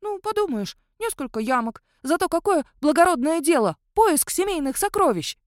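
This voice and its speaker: A woman's voice: animated, brisk, no room sound, studio quality, natural voice. Woman doing a whiny male werewolf. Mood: eager. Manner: shrill, indignant and whining. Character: whiny scheming male werewolf treasure hunter. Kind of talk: audiobook narration.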